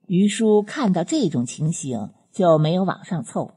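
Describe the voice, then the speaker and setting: A woman narrates a serialized novel with expressive, storytelling delivery. Her voice sits low and warm, with a soft breathiness. The melody moves widely through each sentence. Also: measured pace, slightly rough. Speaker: audiobook narrator.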